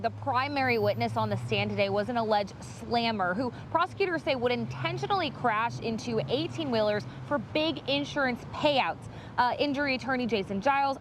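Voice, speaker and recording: A woman's voice: a little high, slight background noise. An American woman giving a live field news report as a television reporter, outdoors. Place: outdoors on a city street outside a courthouse.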